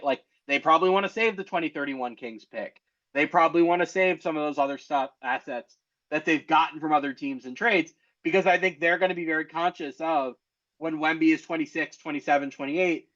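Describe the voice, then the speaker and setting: Higher-voiced man, dull podcast audio. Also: fairly bright tone. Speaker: sports podcast co-host. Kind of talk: casual basketball analysis.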